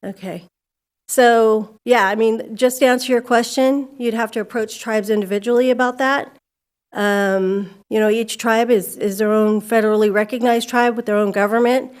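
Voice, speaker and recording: Her voice runs on the high side with fairly level intonation and an ordinary speed. The speaker, a candid woman from California, addresses a school board from a podium microphone in a civic center hall, conversational at first, then increasingly emphatic.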